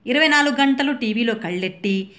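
A middle-aged woman reading a humorous story aloud with dramatic, expressive delivery. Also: on the high side, brisk. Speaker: narrator.

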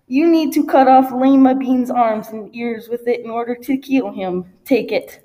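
A man's voice: moderate pace, warm tone, long reverb tail, low-quality recording. A man voicing a timid little male painter who speaks in broken grammar. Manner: high put-on voice with broken grammar.

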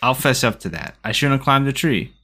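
Young male podcast co-host, mid-pitched, lively swings in his voice, halting and rambling as he talks. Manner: rambling, hesitant restarts. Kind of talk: casual chat.

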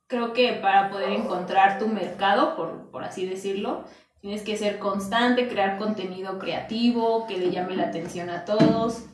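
A woman's voice: medium pitch, steady tone, unhurried, distant mic, soft background music. A woman with a Mexican accent, talking casually as a podcast guest and filling her speech with "o sea". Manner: chatty, many fillers like "o sea". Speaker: guest youtuber. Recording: echoey room, voice from afar.

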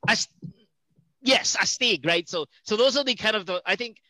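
A man's voice: sits high, normal speed, bright, forceful tone. A man co-hosting a casual panel, joking and rambling as he teases the others. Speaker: talk show co-host.

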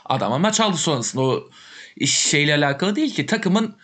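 Young man, rapid talker, brushes off points, casual football chat. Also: on the high side, big pitch swings, fairly bright tone. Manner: quick, dismissive, argumentative.

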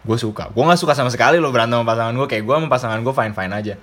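A man's voice: mid-range voice, racing, a bit bright. A young man with Jakarta slang, hosting his own podcast as a casual, chatty monologue, blunt and freely swearing. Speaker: podcast host.

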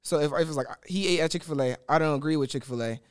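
A man's voice: a little high, fast, clear, resonant tone. A young man in casual group chat, rambling through his points with many restarts. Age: young adult. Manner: rambling, restarts often, animated.

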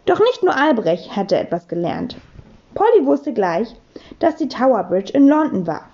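A woman narrating a children's book in a playful, expressive way. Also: sits high, dull audio. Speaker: audiobook narrator. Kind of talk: lively children's audiobook reading.

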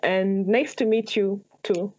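A young woman with a Kenyan accent speaks at a middle pitch. She answers interview questions in a casual, conversational way. The recording is a little dull and lo-fi. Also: steady tone, takes it slowly, a little mellow. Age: young adult. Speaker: podcast guest, ice hockey player.

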